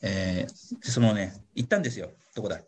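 A man's voice: lowish voice, expressive, a little fast, darkish tone, breathy edge. A man pastor giving a casual teaching sermon online, chatty and playful, tagging his sentences with little questions to the listeners. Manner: chatty, keeps adding a questioning "ne" tag; playful, acts out little voices for examples. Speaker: pastor leading a Bible study. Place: online meeting with a congregation.

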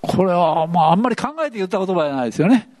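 Male pastor, chatty interactive sermon, bouncy and animated, slightly high voice. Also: racing. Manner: asks the congregation questions, playful and chatty.

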